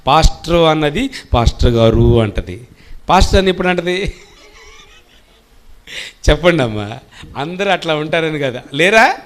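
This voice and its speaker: A man's voice: a little high, lively intonation, moderate pace, pauses often. A man preaching a sermon as pastor, constantly asking questions of the congregation and answering them himself. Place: church service.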